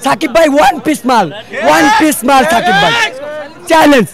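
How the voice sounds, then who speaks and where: Another excited fan with a Bangladeshi Bengali accent is interviewed outdoors by a cinema, surrounded by a chattering crowd. His pitch is extremely high, his pace fairly quick, and his voice has vocal fry. He speaks emphatically and keeps repeating himself.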